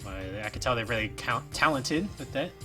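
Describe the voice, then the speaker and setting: A man's voice: medium pitch, fairly quick, music in the background. A man hosting a reaction video, reading a fan game aloud and voicing each character, with a sore throat. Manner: animated, switching voices for each character.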